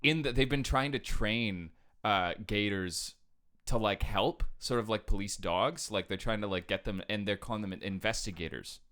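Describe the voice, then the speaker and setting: A man's voice: fairly low pitch, moderate pace, fairly bright tone. A young man co-hosting a casual podcast chat, joking and laughing, with lots of "like". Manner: joking, laughs often, fillers like "like". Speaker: podcast co-host.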